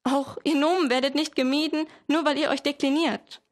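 A woman's voice: high-pitched, steady tone, moderate pace, voice pushed up, lightly acted. A teenage woman voicing a brave verb who pleads earnestly for tolerance. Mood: pleading. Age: teens.

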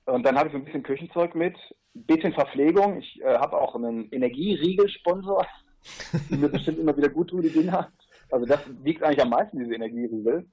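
A man's voice: a little high, quick pace, dark tone, breathy edge, lo-fi sound. A man as a podcast guest, explaining his trip in a rambling way with asides and fillers. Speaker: guest, paddler on a long river trip. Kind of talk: casual podcast interview.

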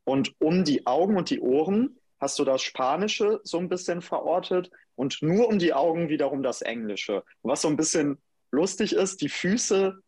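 A man's voice: on the high side, animated, moderate pace, darkish tone, slightly rough, no echo. A man co-hosting a podcast interview, describing things in a friendly way. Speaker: podcast co-host.

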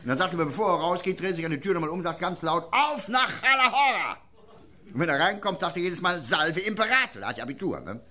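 Brief: male storyteller, comic monologue, bright, lively delivery. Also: on the high side, racing, hardly any pauses. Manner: chatty, tags lines with "ne?". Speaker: comedian.

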